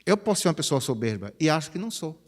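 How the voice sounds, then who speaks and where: A pastor, preaching a chatty, conversational sermon. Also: male voice, fairly high pitch, very fast. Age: 50s. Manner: chatty, animated, peppers phrases with "né?". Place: church sanctuary. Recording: reverberant church hall.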